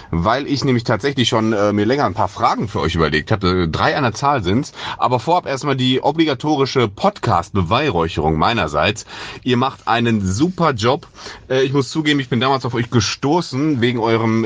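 In a listener's voice message posing a question, a man talks casually and at length in a pleasant, agreeable voice. His pitch is medium and a bit bright, with no room sound.

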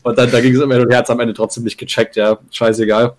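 Young male podcast co-host, rapid storyteller, slangy, giggles mid-line. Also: mid-range voice, little pitch movement. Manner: rambling, crude slang, laughs mid-sentence, many "ne?" tags. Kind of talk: casual storytelling chat.

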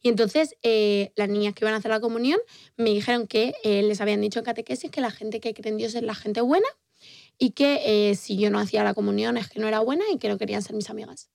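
Chatty young Spanish woman with a gravelly edge. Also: medium pitch, quick pace, darkish tone, dry recording, clean studio sound. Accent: Spain Spanish. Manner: chatty, laughs often, acts out quotes. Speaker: podcast co-host. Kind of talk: casual chat.

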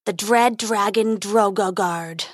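A woman voicing a huge, gruff male dragon who growls his words slowly. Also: mid-range voice, no echo, clean studio sound. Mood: menacing. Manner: slow, growling.

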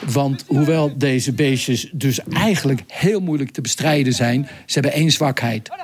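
A man's voice: medium pitch, moderate pace, a little hiss or hum. A male correspondent telling a radio interview about events around him, in a vivid, chatty way with frequent hesitations. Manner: vivid, conversational storytelling with hesitations. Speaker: foreign correspondent. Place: Nairobi, Kenya.

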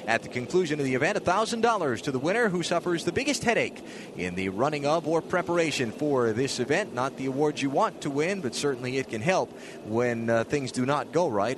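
A man's voice: mid-range voice, expressive, fast. Male motorsport commentator anchoring over track noise. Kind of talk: live stock car race commentary. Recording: noisy trackside broadcast. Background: race track engine noise.

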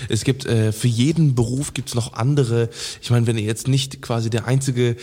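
A man's voice: medium pitch, fairly even intonation, normal speed, mellow. A man speaking casually to listeners with many hesitant fillers, giving advice as a podcast host. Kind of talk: casual chat, addressing listeners. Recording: long echo, room reverb.

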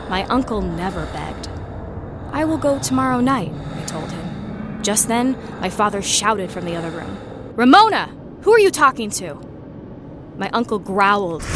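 A woman's voice: medium pitch, background noise, natural voice. An actress playing a young woman who tells of a terrifying event from her girlhood in earnest, tense first-person narration. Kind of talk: scripted horror narration. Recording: music bed under voice. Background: clear music.

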